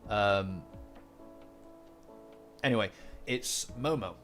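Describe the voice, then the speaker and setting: A man's voice: lowish voice, extremely slow, a bit bright. A man hosting a casual livestream, rambling with many fillers, repeated words and restarts. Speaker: manga commentary livestream host. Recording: faint lofi music behind. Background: faint lofi guitar music.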